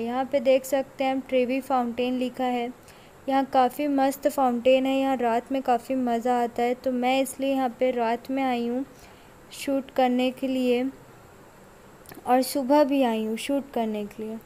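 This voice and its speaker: A woman's voice: high voice, flat delivery, moderate pace, mellow, slight background noise, rough recording. A young woman vlogger giving a casual walking tour of a large indoor mall, filming on a handheld phone and pointing things out again and again.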